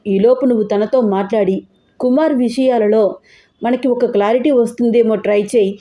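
A woman's voice: a little high, steady tone, mellow, lightly acted. A woman reading as a firm, commanding man. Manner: brisk, commanding. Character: firm man giving orders to an assistant.

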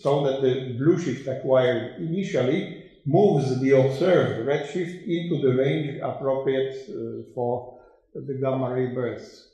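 Older male lecturer, slow and halting, mellow voice, very echoey lecture hall. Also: medium pitch. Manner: slow and hesitant, many fillers and restarts. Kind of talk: academic conference lecture. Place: dark lecture room with a projector. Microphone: room microphone.

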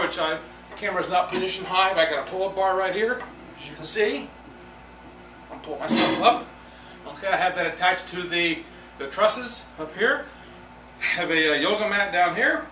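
A man's voice: fairly high pitch, bright, forceful tone, far from the mic, slight background noise. Chatty man in an echoey basement. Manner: chatty, rambling, moves around the room while talking. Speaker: fitness vlogger. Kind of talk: casual home gym tour. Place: basement home gym. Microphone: camera mic from across the room.

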